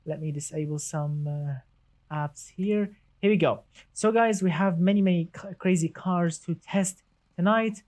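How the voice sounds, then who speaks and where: A man's voice: high-pitched, unhurried, a little mellow. Chatty enthusiastic man hosting a stream. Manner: chatty, enthusiastic, reads chat aloud, repeats "awesome". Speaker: live-stream host. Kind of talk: casual gaming live stream.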